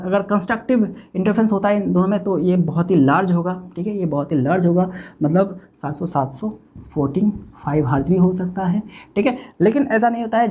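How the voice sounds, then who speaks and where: Speaking at a medium pitch with a darkish tone, a teacher walks through a recorded online physics lecture one step at a time. Key points get repeated, English technical terms slip in, and "okay" comes up often to check understanding.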